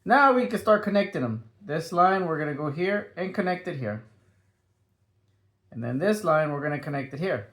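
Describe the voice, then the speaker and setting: A man's voice: a little high, expressive, moderate pace, fairly bright tone. A man leading a step-by-step drawing tutorial for children, upbeat and sing-song, dropping in playful sound effects as he draws.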